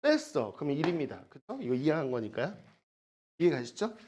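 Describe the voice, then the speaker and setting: An animated math teacher whose pitch swings widely while walking through formulas in a recorded lecture. The delivery is chatty and repetitive, with frequent checks like a quick "got it?" and playful side stories. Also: slight background noise. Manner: chatty, repeats key words, jokey asides; asks learners to check understanding.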